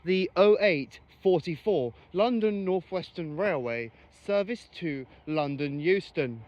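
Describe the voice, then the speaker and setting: A man's voice: high voice, lively intonation, takes it slowly, a little mellow, lo-fi sound. A man doing his own train station announcements on a railway platform, reading out platforms, times and destinations in a formal announcer cadence.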